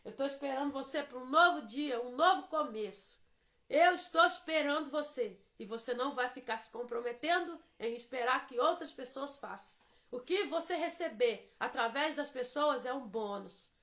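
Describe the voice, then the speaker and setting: A Brazilian woman preaching a devotional sermon. She builds to fervent, sing-song shouting in prayer. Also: high voice, normal speed. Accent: Brazilian Portuguese.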